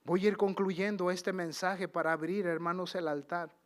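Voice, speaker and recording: A man preaching a fervent sermon, booming on key phrases and dropping to quiet low asides, drawing out quoted scripture slowly. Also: fairly even intonation. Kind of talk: Pentecostal sermon.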